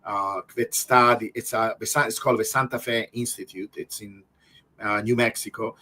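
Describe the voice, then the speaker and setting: A man with an Italian accent, a guest explaining ideas in conversation, halting often with fillers and restarts. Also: on the low side, fairly even intonation, bright, forceful tone. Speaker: guest physicist.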